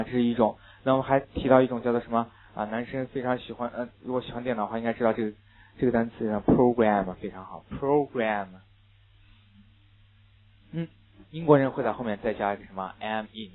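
Male English teacher, mid-pitched, chatty lecturer, lo-fi phone-like classroom recording. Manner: lively, chatty, mixes English phrases and anecdotes.

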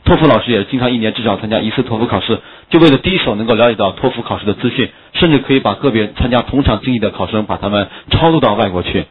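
A man teaches English vocabulary in a classroom lecture, quick and joking, and often asks his students questions. His voice is fairly low, expressive and husky, and the audio has phone-quality sound.

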